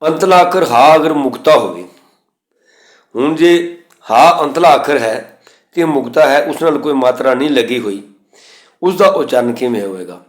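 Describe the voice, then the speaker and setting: A man teaching the pronunciation of scripture, reciting verses slowly and spelling out letters and vowel signs methodically. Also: mid-range voice, expressive, echoey room. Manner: slow chanted recitation of verses between explanations. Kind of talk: recorded lesson on scripture pronunciation.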